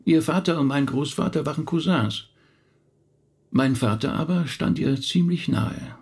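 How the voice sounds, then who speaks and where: Here the same naturalistic radio drama has a male actor, heavily acted, voicing a thoughtful middle-aged rabbi who candidly reminisces about a late relative and the family's past. His voice is fairly high, gravelly, slightly rough and a little mellow, and though talkative he is unhurried and somewhat hesitant.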